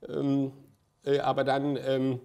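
A man's voice: mid-range voice, completely flat delivery, slow pace, creaky, a little mellow, lo-fi sound. A man in his sixties, an interview guest, telling long anecdotes with many hesitant fillers and chuckles. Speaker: interview guest, festival director. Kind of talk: anecdotal conversation on stage.

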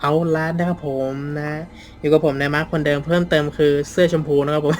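A man hosting a horror game let's-play on a headset, talking casually with loud startled yelps and lots of swearing. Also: a little high, little pitch movement, normal speed. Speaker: gaming channel host.

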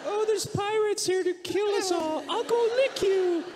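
A man's voice: very high-pitched, a little slow, voice pushed up. A man voicing a lazy, friendly big male dog in a goofy, cheerful, mock-dopey way, with a crowd heard in the hall.

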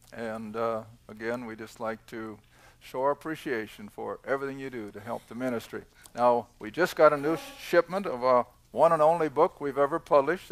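A man's voice: medium pitch, a bit bright, no echo. Folksy man teaching an informal Bible study. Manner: folksy and conversational, slows for scripture reading. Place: studio with small live audience.

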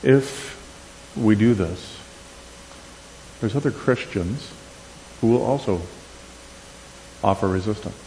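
A man's voice: lowish voice, takes it slowly, long pauses. A middle-aged man with an Upper Midwestern accent speaks at a conference in a church sanctuary, talking straight to the congregation and tossing them questions. His voice carries a long reverb from the hall, with a faint hiss underneath. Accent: Upper Midwestern American. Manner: animated, asks the crowd questions, gestures while talking. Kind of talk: conversational sermon.

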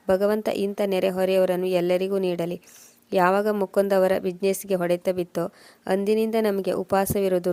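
A woman reads a weak, poor neighbour woman from a storybook, soft and weary. The voice is mellow and stays level. The sound is close and dry. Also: medium pitch, clean tone, no echo, natural voice.

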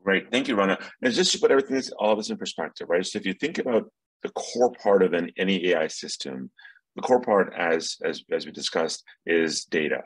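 A man's voice: low-pitched, brisk, breathy edge, no echo, low-quality recording. A middle-aged man moderating a panel on a video call with a headset, explaining step by step and tagging points with "right?". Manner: explanatory, frequent "right?" tags. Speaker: moderator, professor.

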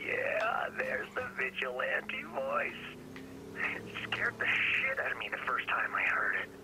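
An actor playing a jittery, eccentric male informant in a video game, speaking in a halting, conspiratorial, breathy voice. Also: mid-range voice, big pitch swings, heavy background noise.

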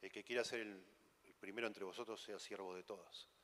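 A man's voice: fairly low pitch, steady tone, brisk, a bit bright, a little hiss or hum. A man with an Argentine accent preaching a conference sermon, conversational and teasing, full of rhetorical questions. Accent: Argentine Spanish. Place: conference hall. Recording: long hall reverb.

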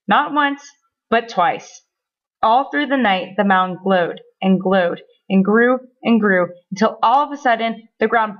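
A woman reading a children's story aloud with expressive, playful storytelling. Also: fairly high pitch, highs cut off. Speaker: storybook reader.

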